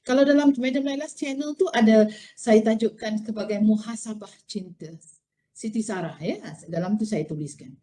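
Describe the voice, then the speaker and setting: Middle-aged woman, Malaysian accent, animated lecturer, mellow tone, slightly high voice, code-switching. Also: normal speed. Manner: expressive, mixes Malay and English, frequent rhetorical questions. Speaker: lecturer giving a university talk.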